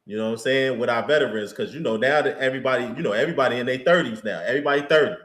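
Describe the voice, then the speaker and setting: A man's voice: medium pitch, racing, fairly bright tone. A man co-hosting a live sports talk show, chatting in a laid-back, slangy way as a fan. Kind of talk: casual live sports chat. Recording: roomy echo.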